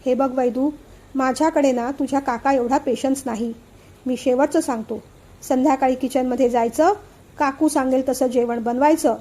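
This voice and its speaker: Woman reading as a gruff old family patriarch in an audio story, short-tempered, voice lifted but still mellow. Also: sits high, steady tone, normal speed. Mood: scolding. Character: stern elderly father, short-tempered head of family.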